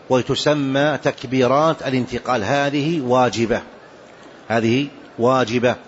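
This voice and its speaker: A man teaching a religious lesson on prayer rulings, speaking slowly and deliberately and repeating key points for emphasis. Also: mid-range voice. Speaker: Islamic jurisprudence teacher. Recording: dull lo-fi recording with faint noise.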